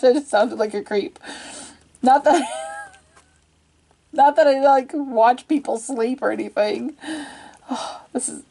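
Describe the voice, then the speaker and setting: A woman's voice: fairly high pitch, vocal fry, dark tone. A woman hosting a casual story time, rambling and giggling at herself as she goes. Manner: rambling, giggly and self-deprecating. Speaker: channel host.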